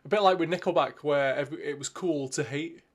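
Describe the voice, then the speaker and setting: A man's voice: on the high side, fast talker. Hesitant man, casual chat. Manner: hesitant, lots of ums and restarts. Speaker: podcast co-host.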